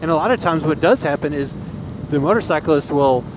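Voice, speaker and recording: Higher-pitched male motovlogger talking inside a helmet. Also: a little fast. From Texas, USA. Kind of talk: casual opinion monologue while riding. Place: inside a motorcycle helmet, outdoors on the road. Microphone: helmet microphone. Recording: inside a helmet, loud wind and engine noise.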